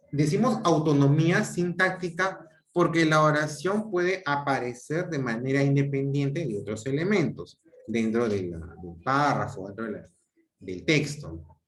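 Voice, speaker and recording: Lively male teacher in an echoey room. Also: on the high side. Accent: Peruvian Spanish. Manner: explanatory, frequent tag questions and restarts. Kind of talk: online grammar lecture. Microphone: computer mic on a video call.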